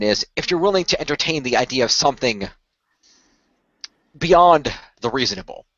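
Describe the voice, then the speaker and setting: Mid-range, bright and forceful, with no echo, on a dull lo-fi recording. In an improvised radio play roleplay, a man plays an earnest male company recruiter pitching a secret magical project, speaking formally, wordily and persuasively with careful hedges.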